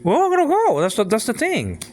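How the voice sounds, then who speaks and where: A man of sixty giving an informal talk on faith, halting and repeating himself, often asking if the listener follows. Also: very high-pitched, wildly swooping pitch, a little hiss or hum. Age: 60s. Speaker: father speaking on faith.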